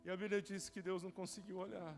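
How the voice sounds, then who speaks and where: A young male pastor with a Brazilian Portuguese accent preaching a sermon, telling stories with strong feeling and swinging from loud cries to hushed whispers. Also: sits high, flat delivery, fast, vocal fry. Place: church hall. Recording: church hall reverb with soft music.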